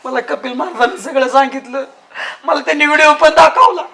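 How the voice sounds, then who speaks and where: A man's voice: very high-pitched, fairly quick, vocal fry, heavy background noise. A young man in a scripted comedy sketch, talking in a sulky, self-pitying, tearful way. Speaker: lead character.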